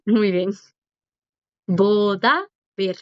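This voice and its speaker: A woman's voice: mid-range voice, drawn-out words, no room sound. A woman teaching a language class, patient and encouraging as she quizzes students and praises their answers. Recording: dull lo-fi dry audio.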